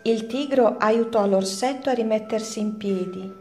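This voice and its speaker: A woman teacher reading a children's story aloud in a slow, clear storytelling manner. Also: fairly high pitch, mellow, reverberant, faint music behind.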